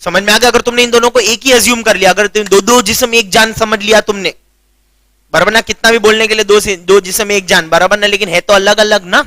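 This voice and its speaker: This young man from Gujarat, India, tutors commerce in a talkative lecture, using Gujarati-accented Hindi mixed with English terms and frequently checking understanding. His high-pitched voice is steady, pushed and bright, fairly quick, with no room sound.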